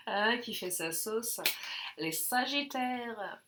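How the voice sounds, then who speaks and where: A woman's voice: fairly high pitch, lively intonation, very slow, background noise. A woman doing a casual card reading, chatty and jokey, thinking aloud with many fillers. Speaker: tarot and oracle card reader.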